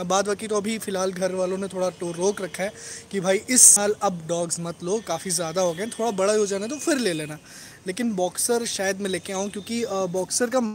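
There is slight background noise as a high-pitched man livestreams casually about his dogs from his home, among the animals. He rapidly greets commenters and often throws in "right?" as a tag question.

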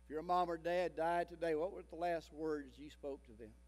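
High-voiced older male pastor preaching. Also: fairly even intonation, normal speed. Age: 60s. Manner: dramatic storytelling, swinging from loud emphasis to hushed tones. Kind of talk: sermon. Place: church sanctuary. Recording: long church reverb.

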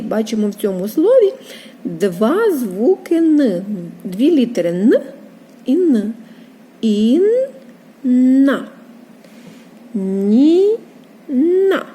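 A woman teacher, sounding out letters and syllables for young children in a slow, sing-song early reading lesson. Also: fairly high pitch, mellow. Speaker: primary school teacher.

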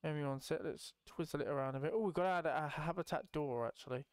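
A young man giving casual, excitable gameplay commentary, chatting and swearing freely to his viewers. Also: fairly high pitch, fast, clear, resonant tone, no room sound. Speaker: gaming YouTuber.

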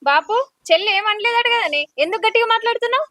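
A woman's voice: very high-pitched, animated, quick pace, bright, forceful tone, exaggerated voice. A woman playing an elder daughter who defends her sister to her father. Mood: pleading. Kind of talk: village drama acting.

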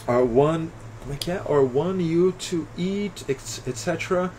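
A Brazilian man teaching an English lesson on a live stream, with a slightly raised pitch. He explains patiently and greets viewers by name. Faint noise and keyboard typing sit behind him. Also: unhurried, darkish tone. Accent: Brazilian Portuguese. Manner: often ends with "alright?" and "né?".

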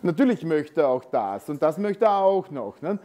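A man's voice: on the high side, very animated, normal speed, warm tone. Chatty Austrian man giving a tech talk. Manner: conversational, frequent tag questions. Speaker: conference speaker. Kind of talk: technical conference talk. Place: lecture hall.

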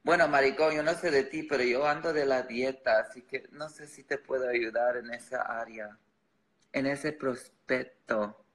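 The audio is poor as a Chicago-born livestream host, a native English speaker with an American accent, talks casually with viewers. His style is sassy and slangy, and he switches between English and Spanish. He has a medium-pitched, fairly bright voice and a moderate pace.

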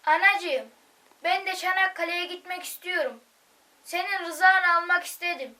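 Earnest teenage boy volunteer, played by a woman in a school drama: very high, bright, declamatory, echoey room. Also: moderate pace. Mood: hesitant, longing. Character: earnest patriotic teenage boy eager to enlist.

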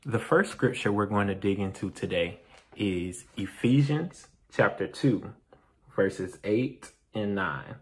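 A man's voice: lowish voice, takes it slowly, husky. Man teaching an upbeat youth Bible lesson. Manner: upbeat, addresses kids directly with call-and-response questions. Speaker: youth minister.

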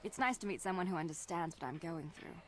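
A woman voicing a young female junior officer in a video game, guarded and brisk but lonely underneath. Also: on the low side, lightly acted. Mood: friendly. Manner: guarded and brisk, then softening.

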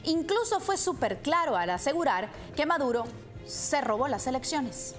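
Woman news anchor, thirties, animated rising and falling delivery, emphatic, studio lapel mic, faint music underneath. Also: sits high, moderate pace. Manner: emphatic, gestures while speaking. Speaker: news presenter. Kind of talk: news report with commentary.

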